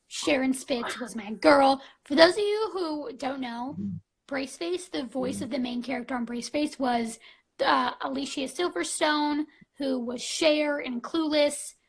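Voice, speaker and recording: A young woman in her twenties hosts a casual live stream, her voice sitting high with a gravelly fry at the ends of phrases. She gushes in a bubbly way, peppering her talk with "like" and "um", heard through a phone mic. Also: unhurried, rough recording. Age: 20s. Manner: gushing and bubbly, full of "like" and "um".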